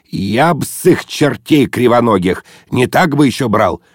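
A man voicing a grumpy old father with a bandaged head who talks gruffly, sighing and groaning. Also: mid-range voice, expressive, measured pace, no echo, studio quality, voice pushed up.

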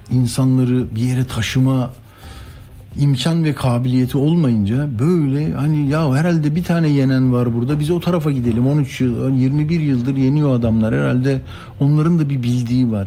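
A man's voice: medium pitch, warm tone. A man hosting a news show, giving informal, rambling conversational commentary.

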